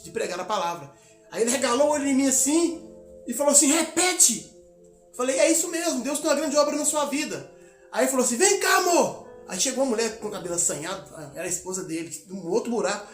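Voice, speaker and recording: A missionary preacher from Minas Gerais, Brazil, with a very high male voice shares a testimony during a sermon in an echoey room. He acts out the dialogue of his story and exhorts the congregation.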